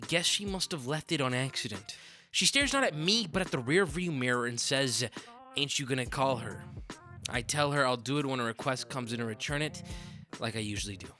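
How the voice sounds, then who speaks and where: A man narrating a story in a conversational, offhand manner with sudden upward swoops. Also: mid-range voice. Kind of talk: reading a story aloud.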